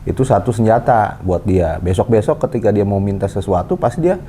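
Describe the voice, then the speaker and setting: A man in his thirties hosting a casual parenting chat with his wife, explaining in a calm, lecturing way. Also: lowish voice, brisk. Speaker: host. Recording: faint background noise.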